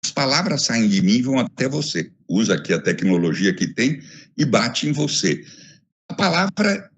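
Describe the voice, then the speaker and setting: Husky Brazilian man lecturing by phone. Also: medium pitch, moderate pace. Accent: Brazilian Portuguese. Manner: expressive, emphatic, repetitive rhetorical lists. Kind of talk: academic lecture. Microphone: phone on a video call.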